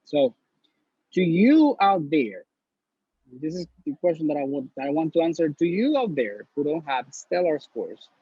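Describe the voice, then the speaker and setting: A Honduran neurology resident, newly matched, gives advice as a guest in a casual interview over a video call, speaking earnestly and bluntly with frequent repeated words. His voice is fairly high with big pitch swings, a dark, slightly rough tone and a moderate pace, heard in a slightly dull lo-fi recording without echo.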